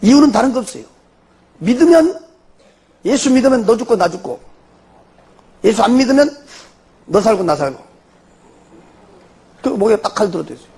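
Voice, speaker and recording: An older man with a Jeolla accent, a church elder telling his testimony in an animated way and tossing in rhetorical questions. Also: high-pitched, normal speed, creaky, long pauses, slightly rough. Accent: Jeolla Korean. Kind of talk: spoken testimony before a congregation.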